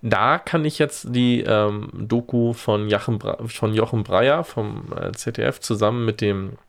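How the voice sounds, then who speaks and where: A man's voice: fairly low pitch, a little slow, vocal fry. A man talking casually on a podcast, wry and exasperated, using dry gallows humor. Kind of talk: casual chat.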